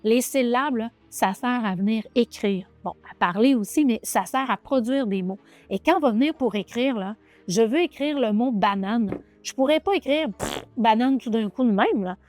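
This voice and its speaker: A woman remedial teacher with a Quebec French accent, explaining a reading exercise to viewers and sounding out syllables, checking in often. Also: fairly high pitch. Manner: animated, addresses viewer directly with many check-ins; sounds out letters and syllables slowly. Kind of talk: teaching demonstration video.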